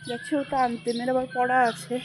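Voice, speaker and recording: A woman in her thirties talks through her day in a loose, rambling vlog. Her voice sits high, and she drops to a soft tone at times. A noisy phone recording at home, with plenty of hiss underneath. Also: monotone, quick pace. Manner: chatty, rambling, switches to soft talk. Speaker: vlogger and mother. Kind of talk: casual daily vlog narration.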